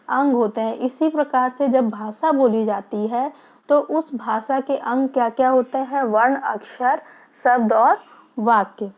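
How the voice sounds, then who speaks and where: A woman teacher giving a grammar lesson, asking questions and answering them herself, explaining slowly and mixing English words into her speech. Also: on the high side, a little mellow. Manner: explains slowly and repeats points.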